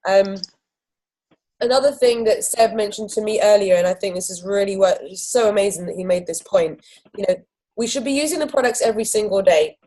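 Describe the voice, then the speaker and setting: A woman with a husky, slightly breathy voice leads a training talk. She is upbeat and persuasive, slipping into little acted-out customer chats. Her pitch sits in an ordinary middle range. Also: a little fast, warm tone, poor audio. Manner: enthusiastic and persuasive, acts out customer exchanges. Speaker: host of a sales training video.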